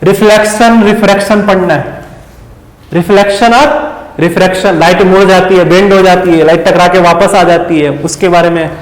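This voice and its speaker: High-voiced man teaching in an echoey room. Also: steady tone. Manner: asks students quick questions. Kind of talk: casual exam-prep lesson. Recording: echoey room with long reverb.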